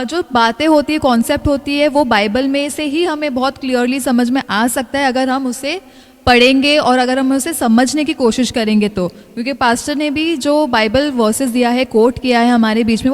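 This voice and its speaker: Woman, program host, earnest closing remarks, long hall reverb. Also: on the high side.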